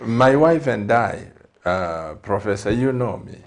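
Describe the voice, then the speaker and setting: A man, hosting a TV interview and asking measured, deliberate questions. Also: on the low side, animated. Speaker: talk show host and pastor.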